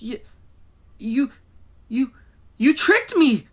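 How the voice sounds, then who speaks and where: A male actor playing a nervous, bewildered boy in a horror audio drama, with a hesitant, halting manner. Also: high voice, sing-song, heavily acted. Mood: uneasy. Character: nervous, bewildered boy lured by strange girls.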